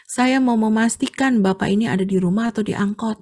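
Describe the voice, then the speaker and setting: A woman's voice: a little high, a little fast, darkish tone, lightly acted. A woman doing a panicky neighbor lady. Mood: urgent. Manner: urgent, breathless, relieved.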